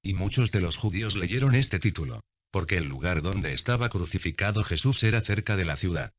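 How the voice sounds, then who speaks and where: A low-pitched man reads scripture in a measured, unhurried narration. The recording is dry, with no room sound, and the sound is dull and lo-fi. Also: lively intonation, dry recording. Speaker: Bible reader.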